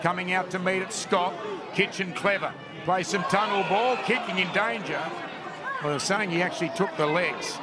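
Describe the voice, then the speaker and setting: A man's voice: high voice, normal speed. Australian man calling football over crowd noise. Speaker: football play-by-play commentator. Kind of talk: live sports commentary. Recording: crowd and noise behind live commentary. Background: crowd at outdoor ground.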